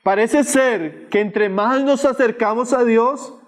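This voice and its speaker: A man preaching a sermon, slow and emphatic with dramatic pauses. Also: very high-pitched.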